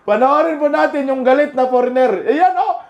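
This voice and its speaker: A Filipino man doing laughing, mocking reaction commentary over protest footage, jeering and shouting exclamations. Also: extremely high pitch, moderate pace, creaky, muffled recording, noisy background. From Philippines.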